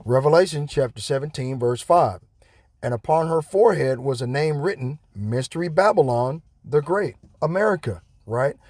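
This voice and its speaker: A man's voice: on the high side, expressive, moderate pace, darkish tone, dry recording. A man preaching from scripture in a home video, rambling with profane asides. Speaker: self-styled preacher. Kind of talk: home video Bible teaching.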